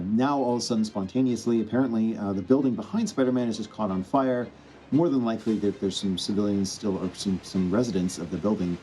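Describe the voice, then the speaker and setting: A man's voice: on the low side, warm tone. A man playing in a tabletop game, thinking aloud and rambling. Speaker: player.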